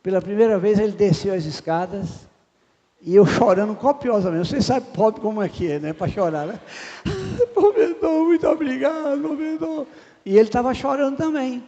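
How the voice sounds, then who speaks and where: A man's voice: high-pitched, fairly quick. An older man, preaching a sermon as a pastor and acting out the voices in a personal story. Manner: animated storyteller acting out dialogue. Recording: muffled reverberant church sound.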